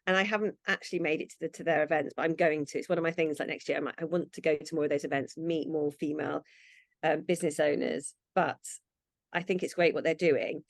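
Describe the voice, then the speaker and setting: A woman's voice: deep voice, fairly even intonation, fast talker, no room sound, studio quality. A woman, a brand founder, chatting in an interview and acting out her own past thoughts. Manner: chatty, acts out quoted thoughts. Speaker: brand founder, podcast guest. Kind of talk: casual interview chat.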